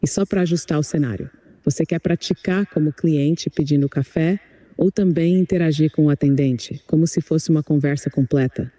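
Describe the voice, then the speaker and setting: A man's voice: a little high, normal speed, warm tone, no echo. A computer-generated male voice acting as an English tutor, speaking in an upbeat, encouraging, polished way. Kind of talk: chatbot voice giving an English lesson.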